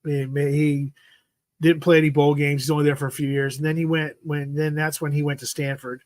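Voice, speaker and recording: A man in his fifties rambles through a casual sports chat, circling back and leaving sentences unfinished. His voice sits a little high for a man and comes across dry and close, with no room sound around it. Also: little pitch movement, brisk, no room sound. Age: 50s. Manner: rambling, repeats "freaking", trails off mid-sentence. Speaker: livestream host.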